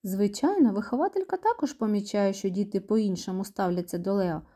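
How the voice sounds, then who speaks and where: A woman reading a children's storybook aloud for kindergarten children in an expressive manner. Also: medium pitch, brisk. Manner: expressive, animated.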